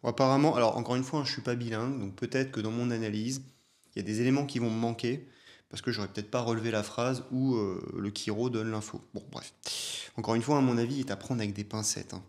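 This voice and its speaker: A man's voice: medium pitch, steady tone, fast, darkish tone. A young adult man, a chiropractor, giving casual reaction commentary on a video, chatty and hesitant with fillers.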